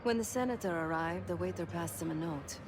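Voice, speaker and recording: A woman's voice: lowish voice, a little fast, background noise, close to an everyday voice. A woman acting a cool, shrewd spy in a video game cutscene, confident and controlled as she gives instructions. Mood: cool, instructing. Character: cool, shrewd female spy briefing an operative. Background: music.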